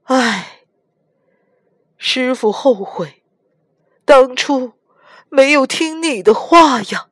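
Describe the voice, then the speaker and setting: A woman voicing a gentle male monk master, mournful and sighing. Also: sits high, expressive, very slow, pauses often, no echo, studio quality, voice pushed up, exaggerated voice.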